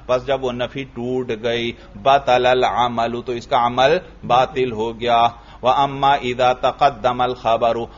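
A man with an even, mid-pitched voice gives a classroom grammar lesson, chanting lines of text slowly before explaining them. He keeps turning to his students with quick questions. The recording is dull and lo-fi. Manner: reads Arabic text in a slow chant, then explains it, asking students questions. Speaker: teacher of Arabic grammar.

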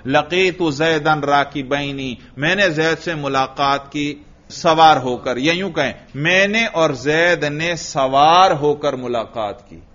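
Male teacher going over grammar real slow, keeps asking then answering himself, muffled lo-fi recording. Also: on the high side, a bit bright. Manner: slow, drilling with questions and answering them. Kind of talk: classroom lesson. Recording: dull lo-fi recording.

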